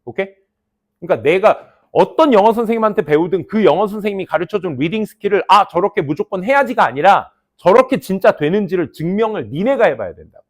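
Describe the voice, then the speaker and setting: A middle-aged man teaching an English class, talking to students in a lively, playful storytelling way. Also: high-pitched, fast. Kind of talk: lecture to students.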